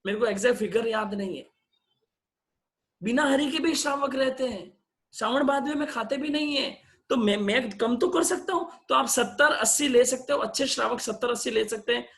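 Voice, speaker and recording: High-voiced man quizzing an online class. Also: creaky, fairly bright tone. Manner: quizzes participants, brisk and coaxing; mixes in English phrases. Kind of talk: interactive online religious lesson. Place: video call session.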